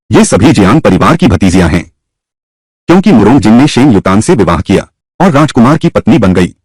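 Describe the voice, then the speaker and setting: A man's voice: fairly low pitch, darkish tone, breathy edge, no echo. A man narrating and recapping a dubbed drama story.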